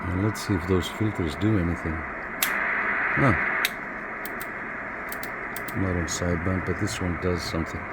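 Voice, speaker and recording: A man with a deep voice and fairly even intonation speaks at a measured pace with long pauses. He is casually reviewing something hands-on as a hobbyist, thinking aloud hesitantly and repetitively, and background noise is clearly audible.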